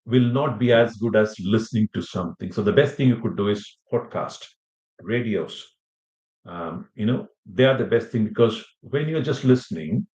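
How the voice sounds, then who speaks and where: A man's voice: on the low side, expressive, normal speed, darkish tone. A man teaching an informal class for students preparing for an English test, talking in a loose, rambling way full of "you know" asides. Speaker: IELTS teacher. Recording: roomy, slightly dull audio.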